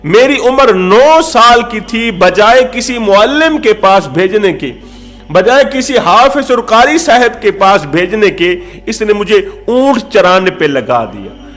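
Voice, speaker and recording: A blunt young man argues his own case flatly and without apology, as a preacher puts him on. The voice is high for a man and lays out the story point by point. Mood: defensive.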